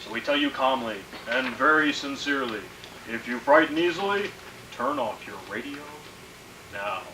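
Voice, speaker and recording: A man's voice: mid-range voice, animated, moderate pace, pushed and bright. A man playing a grave host of an old-time horror radio show, giving solemn warnings. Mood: ominous. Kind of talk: 1940s radio horror introduction. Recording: echoey distant stage recording, faint noise.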